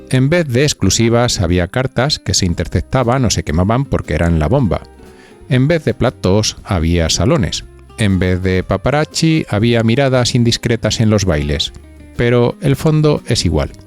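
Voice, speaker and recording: This podcast host, a man with a Spanish accent and a fairly low, darkish voice, reads gossip from a script. His manner is chatty and playful, speaking confidingly to the listener while light music plays behind.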